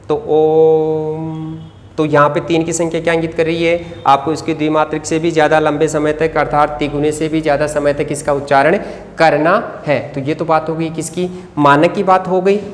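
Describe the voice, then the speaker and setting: A Hindi grammar teacher giving an exam-prep lecture, who keeps posing quick questions and answering them, drawing out key words. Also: mid-range voice, a little hiss or hum. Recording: echoey room with long reverb, faint ambience.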